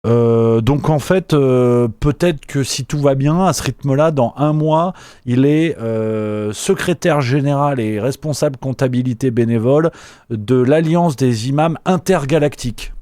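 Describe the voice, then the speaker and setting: A man's voice: mid-range voice, unhurried, warm tone, no room sound. Guy hosting a satirical news show, sarcastic and mocking, rambly, dead dry sound. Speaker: show host.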